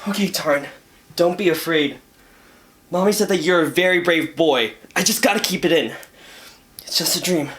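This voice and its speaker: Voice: medium pitch, normal speed, pauses often, a bit bright, slightly rough, dry recording. An actor playing an anxious, bewildered little boy in an indie film, hesitant and questioning. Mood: fearful. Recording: noisy film location sound.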